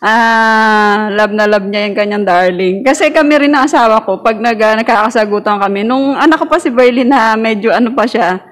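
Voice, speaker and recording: High-voiced chatty woman sharing a testimony. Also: moderate pace. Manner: chatty, laughs often, acts out quoted arguments. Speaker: church group member sharing a testimony.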